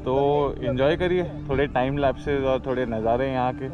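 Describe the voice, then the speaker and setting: A man's voice: mid-range voice, a little fast, dull audio, very noisy. Indian man vlogging from his motorbike. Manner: mixes Hindi and English, relaxed chatty. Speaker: moto vlogger. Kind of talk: casual vlog narration. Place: outdoors by a rural road. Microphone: action camera on helmet or selfie mount.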